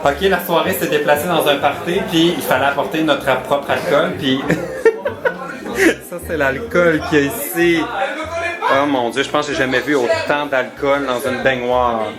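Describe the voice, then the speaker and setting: A young man from Quebec with a Québécois French accent, chatting in a casual travel vlog, animated and laughing as he tells stories. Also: a little high, measured pace, a loud crowd. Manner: animated, laughing, exclaims often. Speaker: vlogger.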